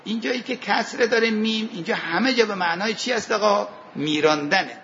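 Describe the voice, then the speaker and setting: A man teaching a seminary class on Arabic grammar and scripture, asking his students questions, answering them himself, and reciting verses slowly. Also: high voice, sharp tone, muffled recording. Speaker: religious studies teacher.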